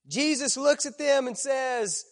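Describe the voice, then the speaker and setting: A man with a strikingly high voice preaches to his congregation. He retells the story with emphasis, stretching key phrases and turning to the room with rhetorical questions. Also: measured pace. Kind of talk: sermon to a live congregation.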